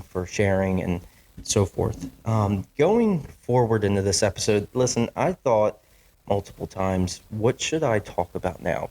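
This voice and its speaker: There's slight background noise as a man with a lowish, darkish voice records his own podcast in a home basement studio using a studio microphone. His casual solo talk is chatty and apologetic, thick with fillers and restarts.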